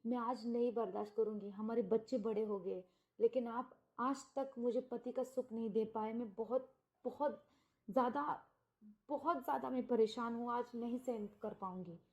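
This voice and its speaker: A woman's voice: on the high side, steady tone, normal speed, darkish tone, highs cut off, lightly acted. A woman storyteller voicing a bitter, neglected middle-aged wife who pleads through tears. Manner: pleading, tearful complaint.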